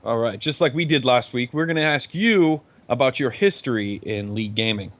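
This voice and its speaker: A man hosts a casual gaming podcast with an easygoing, joking manner. His voice sits at a middle pitch for a man. He keeps things light as he steers the talk between his guests. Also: animated, brisk, a bit bright. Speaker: host.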